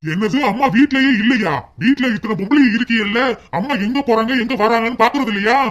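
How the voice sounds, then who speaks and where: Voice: medium pitch, natural voice. A performer voicing a concerned grown son with a southern Tamil accent, pressing his mother with questions. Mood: alarmed. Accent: southern Tamil, Tirunelveli. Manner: brisk, pleading questions. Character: concerned grown son, man of the village house.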